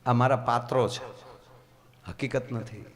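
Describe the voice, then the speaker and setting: On a live stage program, a man with a Gujarati accent from Saurashtra tells a folk story to an audience in dayro style. He plays a dramatic storyteller who acts out the characters with big swings in his voice, though his intonation is fairly even and his pace measured.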